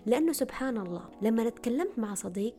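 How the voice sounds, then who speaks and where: A woman's voice: fairly high pitch, lively intonation, fast, mellow, faint music behind. A woman giving earnest self-help advice in a casual talk to camera, often repeating words for emphasis.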